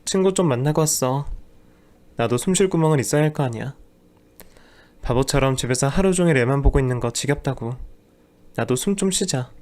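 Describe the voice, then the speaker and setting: A man voicing a selfish, nagging young wife in a radio drama, talking in a sharp, dismissive way. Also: mid-range voice, lively intonation, brisk, long pauses, lightly acted. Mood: defiant.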